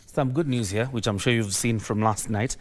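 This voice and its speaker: A man with a Kenyan accent presenting the news as an anchor in a measured, formal delivery. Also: mid-range voice. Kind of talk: live news presenting, reading stories.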